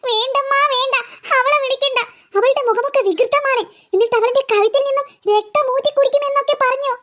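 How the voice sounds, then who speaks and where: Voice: very high voice, steady tone, fairly quick, fairly bright tone, muffled recording. A performer voicing a frightened young girl who pleads and stammers in panic. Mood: pleading. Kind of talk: cartoon voice acting.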